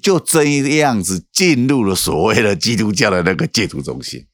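A man with a Taiwanese Mandarin accent, a pastor telling his life story in an interview, halting and repeating words, often asking "you know?". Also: lowish voice, very animated, no room sound, studio quality. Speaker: pastor guest recounting his past. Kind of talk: emotional testimony in casual interview.

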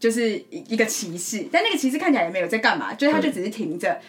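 Podcast co-host, woman, high and fast, animated storyteller. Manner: animated storytelling, laughs often. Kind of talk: casual chat.

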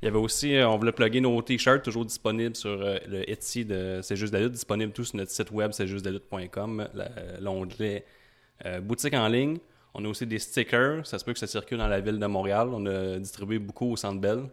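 Fast-talking, low-pitched Quebec man hosting. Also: steady tone. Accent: Quebec French. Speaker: podcast host. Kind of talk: casual chat.

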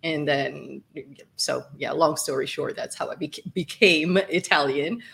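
A woman's voice: sits low, measured pace, gravelly, a bit bright. A woman from Somalia, a podcast guest talking effusively in a casual interview, with lots of fillers and easy laughter. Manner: effusive, laughs often, many fillers and restarts.

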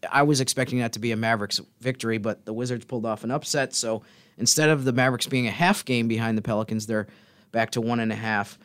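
A man co-hosting a casual sports podcast, talking in a thoughtful, measured way. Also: medium pitch, a bit bright. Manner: thoughtful, measured, fills pauses with "I mean" and "so". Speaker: podcast co-host.

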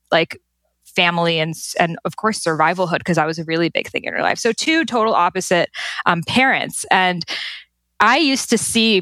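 A woman from the United States, a podcast guest telling stories in a lively, chatty way. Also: mid-range voice, no room sound, low-quality recording. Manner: lively, chatty, quick to laugh. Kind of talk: casual interview storytelling.

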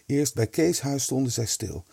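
A man narrating a storybook in a lively, expressive reading. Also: medium pitch, moderate pace, creaky, breathy edge, no room sound.

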